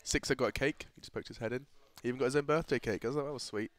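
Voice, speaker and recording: A man casting an esports match, joking around at the desk and calling the action quickly. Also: medium pitch. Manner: quick, joking, animated calls. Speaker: esports caster. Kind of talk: casual desk chat and play-by-play.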